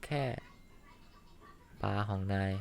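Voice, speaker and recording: A man voicing a harsh middle-aged male boss in a fan-dubbed cartoon, talking in a scornful, insulting way. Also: very slow. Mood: scolding. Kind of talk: Thai fan dub of an animated series.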